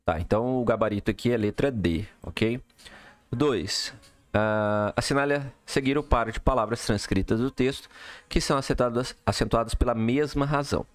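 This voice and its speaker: A man's voice: mid-range voice, normal speed, no room sound. A man teaching a recorded lesson, walking through exercise answers step by step and checking in with the listener often. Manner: explanatory, checks in with "tá?" and "beleza?".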